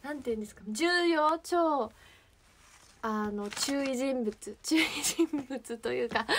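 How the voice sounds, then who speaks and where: A young woman with a Kansai accent chatting casually on a livestream, rambling and often searching for words. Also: a little high. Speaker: idol livestream host.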